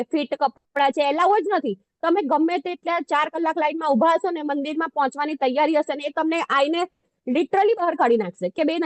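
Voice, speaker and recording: A woman's voice: high-pitched, a little mellow, no room sound. A woman giving a devotional scripture class in a conversational, self-deprecating way, often putting questions to her listeners.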